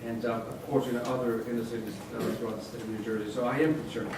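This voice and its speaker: A male legislator addresses a panel audience, his remarks halting and full of fillers. He sounds distant from the mic, with heavy room echo and a clear hum of noise behind him. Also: mid-range voice, level tone. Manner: halting, many fillers and restarts. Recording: echoey hall, distant mic, noisy.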